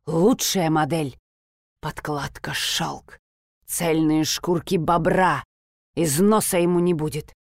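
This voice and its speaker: A woman voicing a greedy, fawning male fur dealer in an audiobook, stretching out his sales patter slowly. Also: low-pitched, fairly even intonation, no room sound, clean studio sound, voice pushed down, exaggerated voice. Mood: wheedling.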